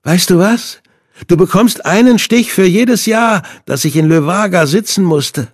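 A man voicing a mocking, menacing male captor with a knife, reading him slowly and with open contempt in a husky voice. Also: high voice, dry recording, clean studio sound, pitched above the performer's own voice. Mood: taunting. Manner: sneering, taunting, slow and deliberate.

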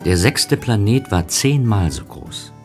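A man calmly narrating a storybook audiobook in a soft, expressive way. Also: on the low side, slow, faint music behind. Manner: soft, calm, expressive reading with breathy drops.

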